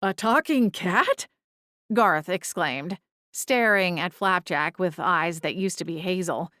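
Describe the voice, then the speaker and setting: A woman's voice: fairly low pitch, measured pace, pushed and bright, dry recording, clean studio sound. A woman reading scripted first-person story narration as an audiobook narrator.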